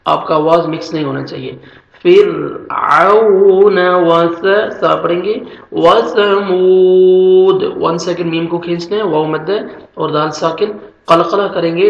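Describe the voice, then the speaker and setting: A male teacher giving a step-by-step pronunciation lesson, slowly chanting each example and then explaining quickly. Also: fairly high pitch, creaky, roomy sound, highs cut off. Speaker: recitation teacher.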